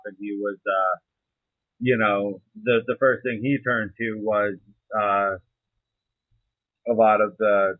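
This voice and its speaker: Young guy, lowish voice, casual and halting, swears a bit, tinny dry phone sound. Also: no room sound. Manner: informal, hesitant, mildly profane. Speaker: interview participant, serving soldier. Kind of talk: casual interview conversation. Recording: muffled narrow phone-like line.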